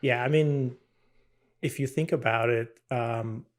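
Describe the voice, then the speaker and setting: A middle-aged man from Albania, a podcast guest, speaking in a measured, hesitant way with many "um"s. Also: mid-range voice, fairly even intonation. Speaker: guest, company CEO. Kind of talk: conversational podcast interview.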